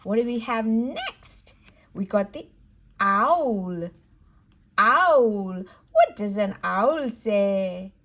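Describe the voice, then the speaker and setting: A children's educator and host leads a read-aloud word lesson for toddlers in a medium-pitched, fairly bright voice. She speaks very slowly and sing-song, encouraging a small child and repeating words.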